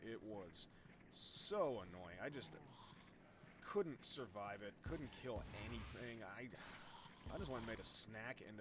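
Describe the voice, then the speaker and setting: A young man talks through his gameplay in a loose, rambling way, tossing in jokes and trailing off mid-thought. His voice sits at an ordinary pitch for a man. A steady hiss runs under the whole recording. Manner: rambling, jokey, excitable at big hits. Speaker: gaming YouTuber. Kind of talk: casual gameplay commentary.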